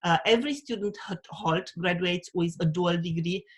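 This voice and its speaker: A woman's voice: fairly low pitch, moderate pace. A woman from Romania, presenting as a university dean on a video call, with hesitant speech full of fillers. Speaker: undergraduate dean. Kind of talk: webinar presentation.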